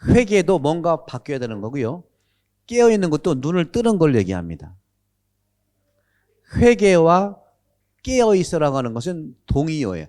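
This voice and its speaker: Man, priest, catechism lecture, from Jeolla, quizzes the audience, very expressive pitch. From Jeolla, Korea. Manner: animated, asks the audience questions.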